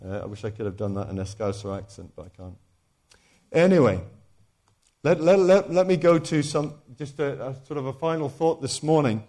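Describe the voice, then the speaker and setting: A man's voice: medium pitch, expressive, moderate pace, dark tone. A man preaching a sermon, emphatic, repeating key phrases and often restarting his sentences.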